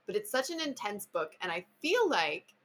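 Woman host, casual book chat, bright tone, talkative, lots of fillers. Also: mid-range voice, very animated, normal speed. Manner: chatty, filler-heavy, enthusiastic. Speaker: podcast host.

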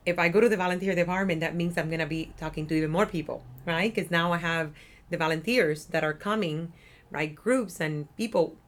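Talking fairly quickly in a fairly low voice, this woman is an interview guest chatting casually in an office about her nonprofit community development job. She's in her thirties, comes from Cuba, and has a Cuban Spanish accent. Upbeat and talkative, she keeps tacking "right?" onto her sentences.

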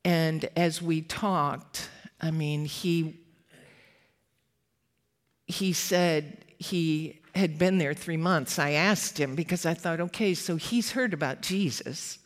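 Slow earnest ministry update, someone telling a faith story, reflective. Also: mid-range voice. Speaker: ministry worker giving an update. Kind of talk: personal testimony storytelling.

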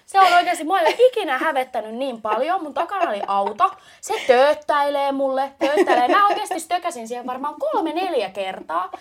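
A woman's voice: high voice, few pauses. Laughing young woman with a Finnish accent. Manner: animated, laughing storyteller. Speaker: podcast co-host. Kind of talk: casual storytelling chat.

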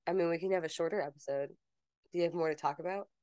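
A woman's voice: fairly low pitch, fairly even intonation, rapid-fire, darkish tone, no room sound. A woman co-hosting a podcast in casual, teasing chat. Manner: chatty, teasing, reads bits aloud. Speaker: podcast co-host.

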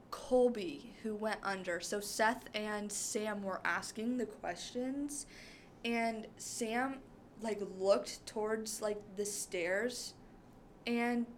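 A young woman talks through a recap at an unhurried pace, filling her sentences with um and like. Her voice sits at an everyday middle pitch, and a faint noise runs underneath. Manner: rambling, many "um" and "like" fillers. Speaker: podcast co-host. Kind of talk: casual chat recapping a show.

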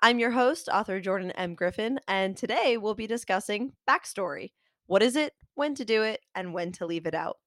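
A woman's voice: medium pitch, lively intonation, normal speed, a bit bright, dry recording, studio quality. A woman with a nasal voice, congested from a cold, hosting a scripted, articulate lesson and explaining things directly to listeners. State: getting over a cold. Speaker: host of a fiction writing show, author. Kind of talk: scripted instructional narration.

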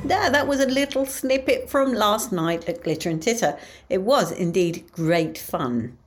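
A woman's voice: mid-range voice, animated, unhurried, faint music behind. A woman with a British accent, chatting through an audio diary as a podcast host. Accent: British English.

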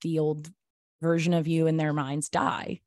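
A woman's voice: low-pitched, level tone, measured pace, darkish tone, no room sound, studio quality. A woman raised in the American South, speaking frankly and emphatically as a guest in a casual podcast chat.

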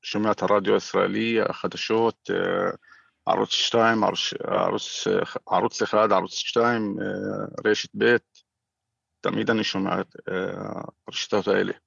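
Middle aged guy, israeli accent, lots of fry in the voice, searching for words, muffled phone call. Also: lowish voice, flat delivery, a bit bright, no echo. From Gaza. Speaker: interview guest by phone. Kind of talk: informal interview answers. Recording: muffled, dull phone line.

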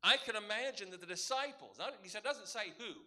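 A man's voice: high voice, expressive, fairly quick, sharp tone. A man preaching a sermon as a pastor, earnest and asking the congregation rhetorical questions.

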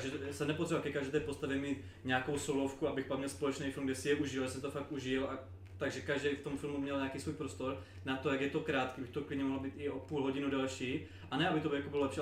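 A man's voice: mid-range voice, flat delivery. A man co-hosting a casual podcast chat, rambling enthusiastically with many fillers. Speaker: podcast co-host. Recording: roomy, distant mic with faint noise.

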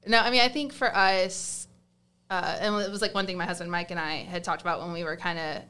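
A woman's voice: fairly low pitch, steady tone, brisk, pushed and bright, clean tone. A young woman with a Southern US accent, chatting as a guest in a casual interview, with lots of fillers and restarts.

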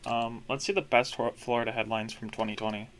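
A man's voice: medium pitch, steady tone, a little fast, fairly bright tone, a little hiss or hum. A young man co-hosting a casual podcast, reading odd news headlines aloud in an offhand, laid-back way.

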